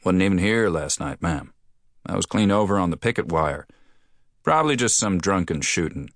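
A man's voice: low-pitched, animated, normal speed, no echo, clean studio sound. A male audiobook reader playing an easygoing young frontier marshal who drawls. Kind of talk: audiobook character voice.

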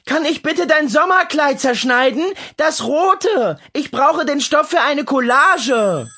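A narrator voicing a cheeky teenage girl who shouts through the house in a children's audiobook. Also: high voice, animated, takes it slowly, pitched above the performer's own voice, full character voice. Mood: demanding. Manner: shouting from another room.

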